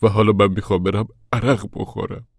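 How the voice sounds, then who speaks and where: A man's voice: lowish voice, flat delivery, creaky, breathy edge, no room sound, clean studio sound. A man voicing a sorrowful, guilt-ridden middle-aged man with a weary, heavy-hearted way of pleading.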